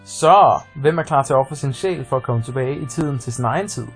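A man's voice: mid-range voice, animated, slightly rough, faint music behind. A man voicing a sly, grinning male demon in a put-on Scottish accent.

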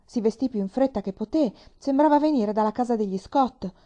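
A woman narrating a children's novel aloud, expressive and sometimes dropping to a whisper. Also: fairly high pitch, fairly quick. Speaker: reader. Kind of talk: audiobook narration.

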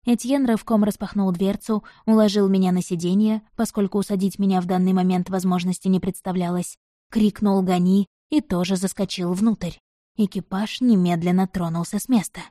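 A woman narrating a romance novel in the first person, with an expressive, dramatic reading. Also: medium pitch, brisk, no echo, studio quality. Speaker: audiobook narrator.

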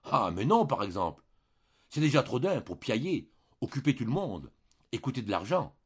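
A man's voice: mid-range voice, sing-song, normal speed, slightly rough, lo-fi sound. A man voicing a scornful, irritable young husband who raises his voice sharply in this audiobook reading.

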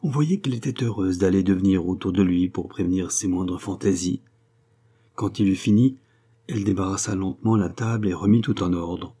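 Male reader for a classic novel; measured and expressive, low and husky. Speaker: audiobook narrator. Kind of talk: literary audiobook narration.

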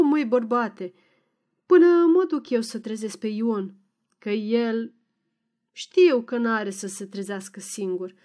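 A woman voicing a sharp-tongued, scolding old peasant wife in an audiobook. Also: a little high, close to an everyday voice.

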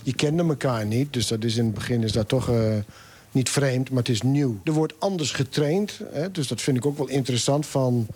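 Husky man in his sixties. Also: medium pitch, normal speed. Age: 60s. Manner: relaxed, thoughtful, frequent hesitations. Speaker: assistant football coach. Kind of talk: casual interview.

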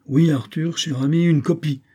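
Guy doing a jovial flattering army major, pitched up, loud and gushing, husky edge. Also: moderate pace, natural voice. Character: effusive flattering middle-aged army major.

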